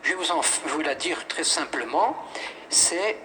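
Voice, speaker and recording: Exorcist priest, male, lively storyteller, bright and forceful tone, voice swinging widely. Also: a little high, a little slow, slight background noise, rough recording. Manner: lively storyteller who acts out quoted voices; emphatic repetitions. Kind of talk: animated anecdotal testimony.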